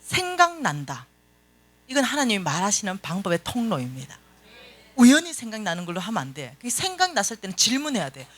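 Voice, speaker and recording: A woman's voice: mid-range voice, very animated, fast. A middle-aged woman giving a church lecture on finances. She tells stories, acts out dialogue and speaks bluntly to the audience. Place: church hall.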